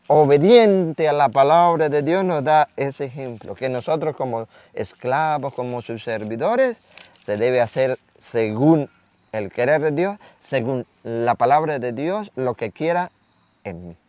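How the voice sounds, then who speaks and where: A man's voice: mid-range voice, a little mellow, no echo. A man from Venezuela giving an emphatic daily Gospel reflection, repeating words and asking rhetorical questions. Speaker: preacher.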